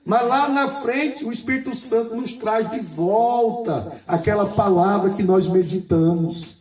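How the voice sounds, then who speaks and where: Male preacher, high voice, repetitive and emphatic, recorded roomy and from a distance. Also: a little mellow. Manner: repeats phrases, asks the congregation "Amém?"; reads scripture slowly and with emphasis. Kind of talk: sermon.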